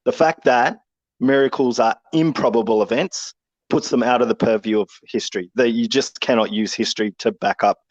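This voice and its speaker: A man's voice: mid-range voice, moderate pace, dry recording, dull audio. A man from Tasmania, joining a casual online discussion by audio only and making frank, explanatory arguments. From Tasmania, Australia. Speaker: guest speaker. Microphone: audio-only video call.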